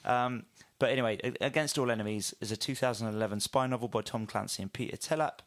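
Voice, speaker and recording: This is a man talking casually on a podcast about film news. He rambles a little and pads his sentences with fillers. His voice sits at an ordinary pitch. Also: fast, fairly bright tone. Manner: chatty, hesitant with many fillers. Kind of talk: casual chat.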